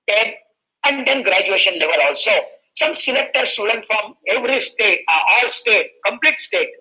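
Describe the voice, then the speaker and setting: Male webinar speaker from India, high voice, animated storytelling. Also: poor audio. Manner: animated, quoting characters in rising pitch. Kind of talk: storytelling lecture.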